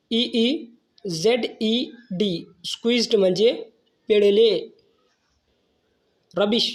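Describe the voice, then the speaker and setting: Slow, measured vocabulary teacher. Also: medium pitch. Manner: slow, measured, spells each word then gives its meaning. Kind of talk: slow vocabulary lesson, spelling words letter by letter.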